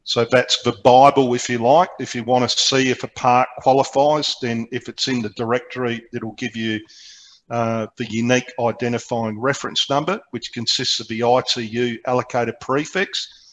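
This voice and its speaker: An Australian man who coordinates an amateur radio programme gives a slide presentation to a club meeting by video call from indoors. He explains things informally and hesitates often, speaking with a mid-range, steady voice at normal speed. The recording is rough.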